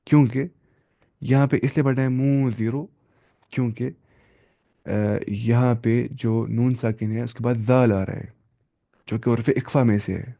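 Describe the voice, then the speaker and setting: Gravelly-voiced man teaching Quran reading. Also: mid-range voice, fairly even intonation, warm tone. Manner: slow drawn-out letter-by-letter drilling. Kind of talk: live online tajweed lesson.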